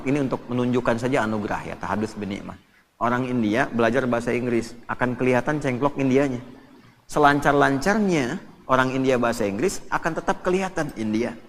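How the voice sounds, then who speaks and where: Male preacher from Indonesia, animated and humorous, recorded in a reverberant hall. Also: mid-range voice, slight background noise. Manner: lively and joking, quoting Arabic scripture. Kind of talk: sermon.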